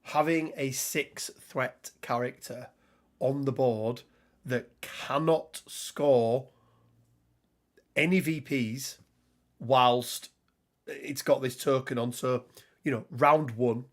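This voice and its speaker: Slow-talking man reading game cards. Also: medium pitch, fairly even intonation. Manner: rambling, reads card text aloud, laughs often. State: slightly losing his voice. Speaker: podcast host. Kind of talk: casual tabletop game discussion.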